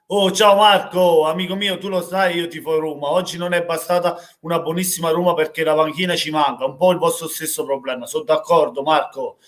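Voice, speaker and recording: Brief: young Neapolitan man, live match streamer, slightly high voice, volatile and emotional. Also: fairly quick, few pauses. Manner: emotional, swings from calm chat to shouting. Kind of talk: live reaction to a football match, reading chat.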